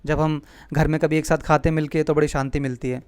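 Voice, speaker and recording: A man's voice: a little high, level tone, quick pace, darkish tone, clear, resonant tone, dry recording. A man teaching vocabulary with memory tricks, explaining patiently and often checking with "ठीक है?". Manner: explanatory, repeats words, asks "ठीक है?". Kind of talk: mnemonic vocabulary lesson.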